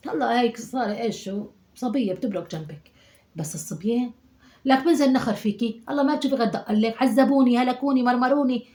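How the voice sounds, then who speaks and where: A woman's voice: medium pitch, dark tone, close to an everyday voice. A woman voicing a chatty, nagging older mother in her sixties from Aleppo, with an Aleppo Syrian Arabic accent, scolding and muttering prayers. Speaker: sketch performer. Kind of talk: comic monologue sketch.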